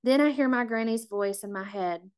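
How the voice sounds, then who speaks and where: A middle-aged woman reads from her own memoir in a measured, reflective tone. Her voice sits a little on the high side. She sounds confessional and unhurried. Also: a little mellow, clear, resonant tone. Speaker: author.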